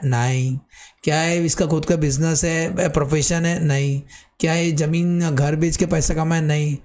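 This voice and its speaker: A man's voice: a little high, a little mellow. A middle-aged man with an Indian accent lecturing on tax, calling his students "beta" and asking and answering his own questions. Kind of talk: classroom lecture.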